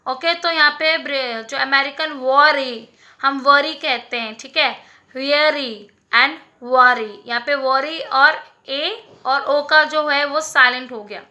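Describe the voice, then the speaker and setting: A woman teacher giving a recorded lesson, explaining slowly and repeating words as she checks that students follow. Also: high voice, pushed and bright. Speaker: school English teacher.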